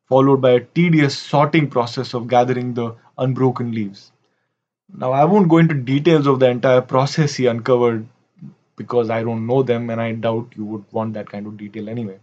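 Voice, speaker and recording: A man's voice: medium pitch, darkish tone. A man from India, hosting a history video in wry scripted narration with casual asides, on dull lo-fi audio.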